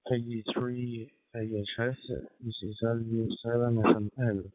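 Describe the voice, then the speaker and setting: A man from Argentina working an amateur radio contact. He is heard over a shortwave radio link, spells out call signs and talks haltingly with many fillers and restarts. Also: medium pitch, level tone, no echo. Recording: tinny radio line, dry.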